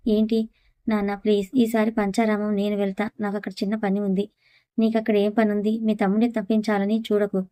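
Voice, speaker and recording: Female narrator for an audio story, voicing every role herself in an even, level read. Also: mid-range voice, no room sound. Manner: reads dialogue and narration in one even voice.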